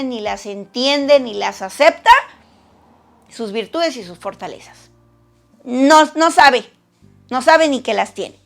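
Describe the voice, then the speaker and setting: A high-pitched woman with a gravelly, creaky edge, preaching to women in a chatty, animated way. She slips in and out of the voices of the people she quotes. Faint music plays underneath. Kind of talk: conversational sermon.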